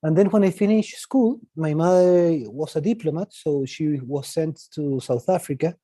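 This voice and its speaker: Man, forties, Chilean accent, native Spanish speaker, very warm mellow tone, informal talk, questioning end tags, dry recording. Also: a little high, normal speed, dry recording. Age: 40s. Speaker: guest speaker.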